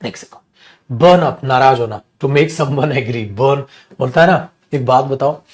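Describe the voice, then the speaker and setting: Slow-spoken teacher man. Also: medium pitch. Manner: mixes Hindi and English, addresses students as "beta"; repeats each phrase slowly, then explains it quickly. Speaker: English teacher. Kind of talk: classroom lecture.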